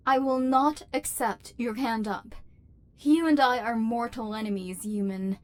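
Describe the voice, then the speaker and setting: A woman acts a haughty female robot overlord in an ASMR roleplay, speaking in formal, clipped, machine-like phrases with a commanding, human-hating villain's temper that feels threatening. Her voice sits fairly high and stays close to her everyday voice. She is unhurried, and there's no echo.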